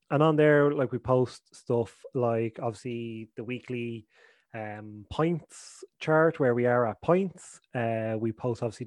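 A man's voice: medium pitch, a little mellow, no room sound. Rambling man hosting a podcast. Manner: rambling, filler-heavy, jokey. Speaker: podcast co-host. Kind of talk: casual podcast chat.

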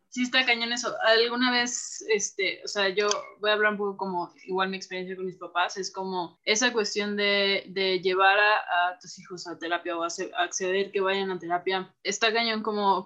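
A woman's voice: medium pitch, fairly even intonation, normal speed, hardly any pauses, pushed and bright, highs cut off. A woman host with a Mexican Spanish accent, asking questions casually and with hesitation. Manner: casual, hesitant, many fillers. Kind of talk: interview questions.

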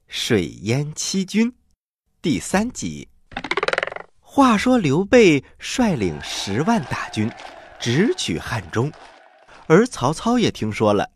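A man hosting a children's story show, telling tales expressively and pausing to explain things to young listeners. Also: medium pitch, dry recording, clean studio sound. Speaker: host and storyteller.

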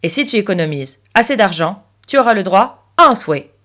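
A booming, bossy magic piggy bank from a storybook, as a woman reads it aloud. It talks loudly and emphatically, with lively swings in pitch, laying down the rules. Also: brisk. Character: magic talking piggy bank, gruff and loud. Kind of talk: children's storybook reading.

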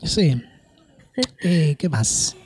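A woman's voice: low-pitched, lively intonation, drawn-out words, warm tone. A woman co-hosting a casual podcast chat, emphatic and often repeating her phrases while she thinks. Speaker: podcast co-host.

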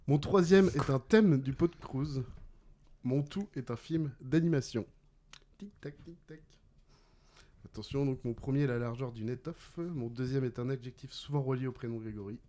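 A man hosting a casual riddle game among friends, reading each clue slowly and carefully and breaking off to laugh. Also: on the high side, mellow. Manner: reads clues slowly and carefully, laughs between them. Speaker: quiz host.

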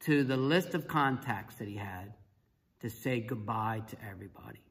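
A man's voice: lowish voice, normal speed, slightly rough. A middle-aged man, an evangelist, animatedly telling a personal testimony and acting out the dialogue. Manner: animated storyteller who acts out dialogue. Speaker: evangelist and speaker. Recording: long reverb.

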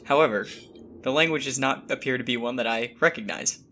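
A man's voice: medium pitch, brisk, sharp tone, slight background noise. A man voicing a literal-minded, scholarly adventurer in a tabletop game, speaking formally and pedantically. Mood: pedantic.

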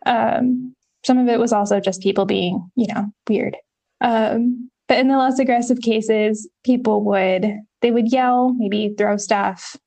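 A woman's voice: fairly high pitch, measured pace, creaky. Laid-back woman telling history, many ums. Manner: relaxed, many ums, wry swearing. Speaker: podcast co-host. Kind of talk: casual history podcast chat.

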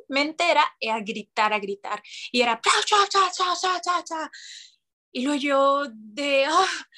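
A woman, casually telling a story as a guest and acting out voices. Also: high voice. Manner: animated, acts out voices, laughs often.

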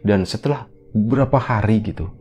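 A man's voice: fairly low pitch, brisk, darkish tone, muffled recording, slight background noise. A man hosting a horror podcast, telling a story in casual slang full of fillers.

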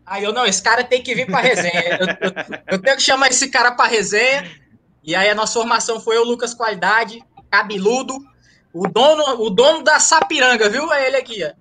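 Amid slight background noise, a man speaks fairly quickly in a very high, pushed and bright voice. He has a Ceará accent, having grown up there after being born in Rio de Janeiro, and on a casual call interview he relates how he founded his running humor group, slangy and joking, with tag questions tacked on again and again.

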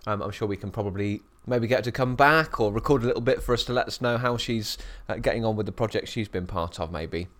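British male podcast co-host, low-pitched, jokey and easygoing. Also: quick pace, hardly any pauses, fairly bright tone. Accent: British English. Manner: chatty and jokey, laughs often. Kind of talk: casual podcast chat. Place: office at a bird of prey centre.

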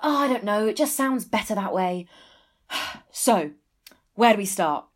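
A young woman playing an eager trainee detective, earnest and expressive, in a comic audio drama. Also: medium pitch, measured pace. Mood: playful, stubborn. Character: eager, punning young female trainee detective, sensitive and forthright.

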